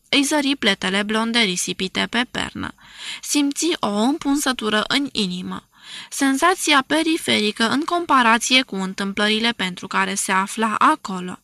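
A woman narrating a literary novel aloud in a calm, measured reading. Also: a little high, no echo, clean studio sound. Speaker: audiobook narrator.

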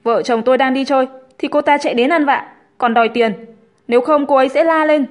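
A woman's voice: sits high, fairly quick, voice pushed up, lightly acted. A woman reading a story aloud, voicing a cold, blunt young man who talks curtly and with scorn. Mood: insistent. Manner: curt, scornful.

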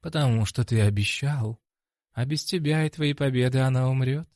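A man voicing a gloomy, slightly hissing inner voice that speaks slowly and calmly in an audiobook. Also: medium pitch, no echo, studio quality, natural voice. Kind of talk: audiobook character voice.

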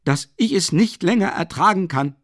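A man reading an audiobook, voicing a furious young student who shouts in blind rage. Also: high voice, lively intonation, moderate pace, no echo, studio quality, pitched above the performer's own voice. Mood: enraged. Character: furious young male student, desperate and defiant.

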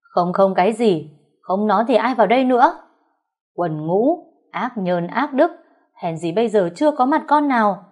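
A woman voicing a hot-tempered older mother-in-law who scolds loudly. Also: medium pitch, lively intonation, normal speed, voice pushed up, lightly acted. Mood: furious. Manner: loud, scolding, harsh.

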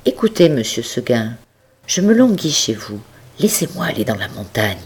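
A woman voicing a young female goat from a storybook, gentle, polite and stubborn, pleading to be let go. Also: a bass voice, big pitch swings, normal speed, husky, heavily acted. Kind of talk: storybook character reading.

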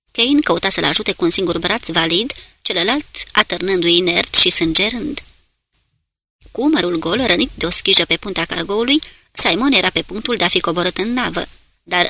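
Woman reading a war audiobook, bright voice, kinda gravelly, steady dramatic pace. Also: lowish voice. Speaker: audiobook narrator. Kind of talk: scripted audiobook narration.

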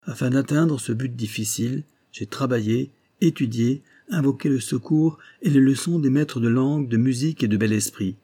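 A man reading aloud, voicing a proud, composed young village woman who pleads her case in formal, measured speech. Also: medium pitch, dark tone, husky. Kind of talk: audiobook reading.

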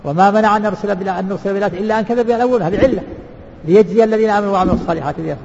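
A man's voice: sits high, rapid-fire, creaky, a little mellow. A man, a sheikh teaching a religious text in a mosque. He asks rhetorical questions, answers them himself and repeats words as he goes. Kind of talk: lecture explaining a religious text. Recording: reverberant hall, dull lo-fi sound.

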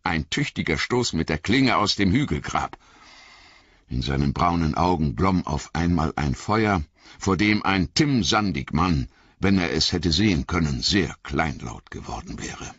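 A man with a very deep, husky voice reads an audiobook in a dramatic, expressive way, his pitch swinging widely. The sound is dry, with a bright edge, but slightly dull and lo-fi overall. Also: a little slow, no room sound. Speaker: audiobook narrator.

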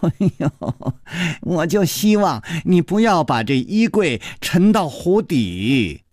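A man's voice: on the high side, sing-song, slow, a little mellow, no room sound, studio quality. A man doing a wry, witty male hero.

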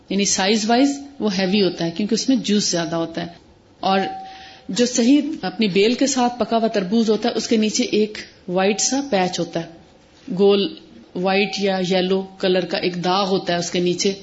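A woman's voice: mid-range voice, a little mellow. A woman giving an explanatory lecture on herbal remedies, mixing many English words into her speech and listing terms one by one. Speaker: lecturer on prophetic medicine. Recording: dull lo-fi recording with faint hiss.

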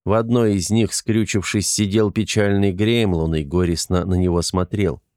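A man's voice: low-pitched, fairly even intonation, moderate pace, warm tone, no echo. Man reading an audiobook, dry sound. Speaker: audiobook narrator. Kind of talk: scripted narration.

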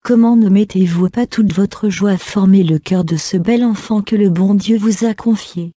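A woman reading the part of a tender holy mother, in a soft, pleading way. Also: medium pitch, normal speed, no echo, studio quality, natural voice.

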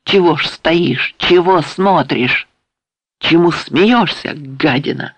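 A male reader playing a delirious young warrior who shouts in hoarse, broken outbursts. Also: fairly high pitch, slow, no room sound, exaggerated voice. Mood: raving, defiant. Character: delirious young man, feverish warrior raving.

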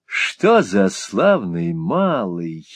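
High gushing voice, young foppish lord, excitable, dry studio sound, man reading. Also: extremely slow, no room sound, heavily acted.

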